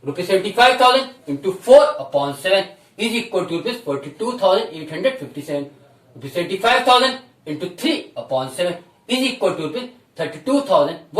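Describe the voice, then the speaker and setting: High-voiced man teaching in an echoey room. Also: a bit bright, distant mic. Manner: explains step by step, repeating each point and asking questions aloud; slows right down when dictating entries and figures. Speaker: accountancy teacher. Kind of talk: recorded classroom lesson. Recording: roomy echo, voice from off-mic.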